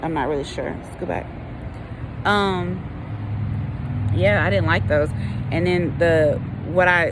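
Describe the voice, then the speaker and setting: An American vlogger with a fairly low-pitched voice chats to her viewers in a casual, folksy, rambling way, often drawing out hesitant phrases. There is noise in the background.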